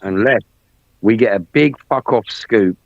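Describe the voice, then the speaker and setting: A man's voice: lowish voice, unhurried, no room sound. A man talking politics in a casual chat, blunt and full of swearing, often repeating himself. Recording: dry, dull lo-fi sound.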